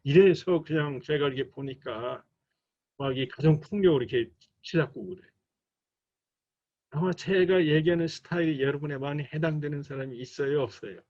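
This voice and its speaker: Male church instructor and couples counselor, measured lecturing delivery, acts out quotes, muffled lo-fi sound. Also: fairly high pitch, darkish tone. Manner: slow and deliberate, acts out quoted arguments. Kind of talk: recorded lecture for a training course. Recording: dull lo-fi recording.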